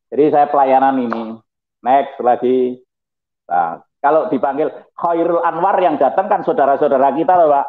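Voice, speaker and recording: A middle-aged man, a pastor giving his testimony in a lively, preachy way with chuckling asides. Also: medium pitch, normal speed. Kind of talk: testimony talk over slides. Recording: tinny phone-like audio.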